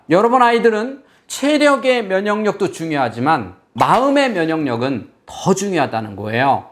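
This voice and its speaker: Middle-aged male parenting expert, bright high voice, very lively delivery, lecture to camera. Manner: animated lecturer, addresses viewers directly, acts out children's lines. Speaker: child development expert giving a parenting lecture.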